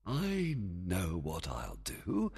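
A man's voice: on the high side, huge pitch swings, unhurried, breathy edge, in a large hall, voice pushed up, heavily acted. A man voicing a proud, scheming male fairy king who gives orders gleefully. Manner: commanding, gleeful.

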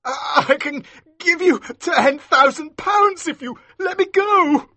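A man voicing a pompous, frightened male magistrate in a storybook, pleading in a shrill, shaky voice. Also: slow, sharp tone, no echo, exaggerated voice. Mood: terrified pleading. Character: frightened, haughty male magistrate begging for his life. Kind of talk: audiobook character acting.

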